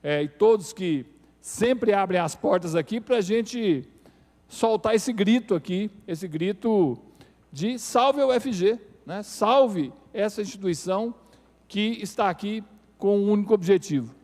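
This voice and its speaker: A man's voice: high voice, measured pace, a little mellow. A middle-aged man, a university rector, giving a formal and earnest speech with hesitant restarts at a city council tribune. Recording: reverberant council chamber.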